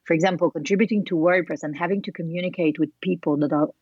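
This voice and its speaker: An Italian woman with an Italian accent talks thoughtfully as a podcast guest in a casual interview, using many fillers and restarts. Her voice is fairly low and fairly even, she talks fast, and the recording has no echo but the highs are cut off.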